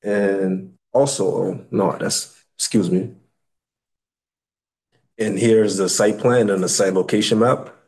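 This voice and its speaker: Male, 30s, American, lowish voice. City planner giving a formal, slightly halting slide presentation. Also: steady tone, darkish tone, low-quality recording. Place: indoor meeting room at a table.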